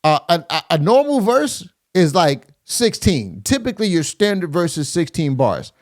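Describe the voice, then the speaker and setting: A man's voice: fairly high pitch, big pitch swings, moderate pace. A man hosting a casual reaction video, critiquing a rap verse with lots of fillers and scatted rhythms. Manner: many fillers and restarts, scats rhythms aloud. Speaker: host reviewing rap verses.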